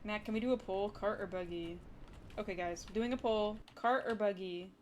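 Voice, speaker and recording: A woman's voice: medium pitch, normal speed, darkish tone, a little hiss or hum. Young woman, Wisconsin accent, casual livestream chatter, rambling, addresses chat, faint keyboard typing behind. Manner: rambling, talks to chat with lots of "like" and "dude".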